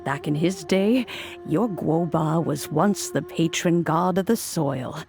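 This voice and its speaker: Over background music, an actress narrates a dramatic video game cutscene as a serene, wise immortal adeptus recounting old legends. Her low voice carries vocal fry and a slightly mellow quality, heavily acted. The storytelling is measured, formal, reverent and solemn.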